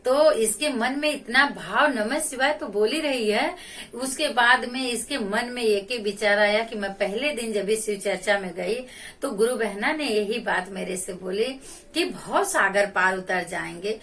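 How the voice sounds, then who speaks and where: Slow-paced woman telling a devotional tale. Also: on the high side, fairly bright tone, distant mic. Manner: slow, repetitive retelling. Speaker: devotional storyteller. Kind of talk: religious folk storytelling.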